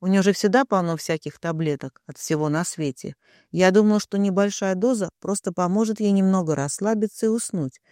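A woman's voice: mid-range voice, a little fast, warm tone, no echo, clean studio sound, close to an everyday voice. A man voicing a jealous young woman who stammers and pleads through tears in an audiobook. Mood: tearful pleading.

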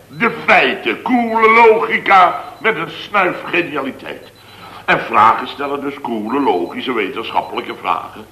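An actor playing a fussy, easily flustered company boss who stammers through a 1960s radio comedy. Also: male voice, medium pitch, sharp tone. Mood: pompous. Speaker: boss of a contractor's firm. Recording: roomy old radio recording.

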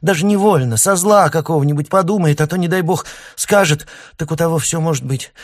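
A man voicing a shrill, frantic middle-aged mother who shrieks her complaints, in a storybook reading. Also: a little fast, natural voice. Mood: agitated.

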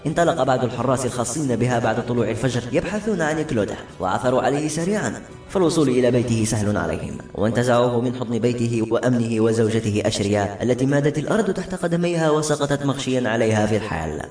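A man narrating a novel in an expressive reading voice. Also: mid-range voice, rapid-fire. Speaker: audiobook narrator. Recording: roomy echo with faint music.

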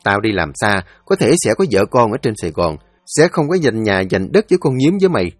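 A man's voice: fairly low pitch, animated, fairly quick, no echo, studio quality, faint music behind. A man voicing a blunt, threatening eldest brother. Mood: stern. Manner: blunt warning tone.

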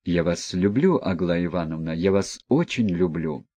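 A male reader voicing a gentle young prince who answers hesitantly and softly. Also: low voice, animated, normal speed, breathy edge, no echo, pitched below the performer's own voice. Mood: timid. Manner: hesitant, soft, mumbling.

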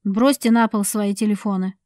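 A woman's voice: mid-range voice, steady tone, normal speed, darkish tone, no room sound, clean studio sound, lightly acted. A woman voicing a menacing grown man who speaks in a harsh, curt, contemptuous way. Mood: threatening.

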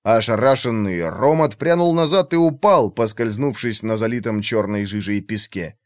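A man narrating a fantasy audiobook in a steady, expressive storytelling manner. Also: on the low side, normal speed, no room sound, clean studio sound.

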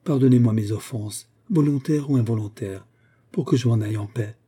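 Frail, humble young girl, voiced by a male reader, soft and husky. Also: medium pitch, brisk, close to an everyday voice.

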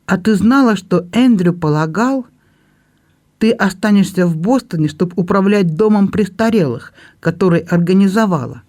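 A man reading an audiobook and voicing a gentle older brother who speaks softly and jokes kindly. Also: high voice, lively intonation, normal speed. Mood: probing. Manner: soft, kindly, gently joking.

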